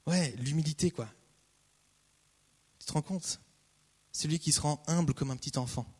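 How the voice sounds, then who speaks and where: A man preaching a casual, conversational sermon, repeating key phrases and breaking off into lively asides. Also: on the high side, moderate pace, husky. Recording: long hall reverb.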